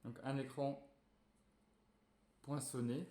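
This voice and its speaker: A man's voice: medium pitch, little pitch movement, slow pace, dark tone. A man casually chatting while unboxing a phone, hesitant and full of fillers. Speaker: tech reviewer unboxing a phone. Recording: echoey room.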